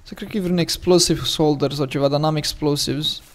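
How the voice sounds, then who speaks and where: A man with a Romanian accent chatting casually as he plays and thinks aloud, his voice a little hoarse from the early morning. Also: on the high side, fairly even intonation, a little hiss or hum. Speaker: gaming commentator. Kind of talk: casual gameplay commentary.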